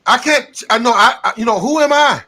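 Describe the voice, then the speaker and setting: A man in his thirties debates on a casual panel, tripping over his words and excitedly holding the floor. His voice is very high for a man. It is also sharp and bright. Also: a little fast. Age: 30s. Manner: stammering, excitable, keeps saying hold on.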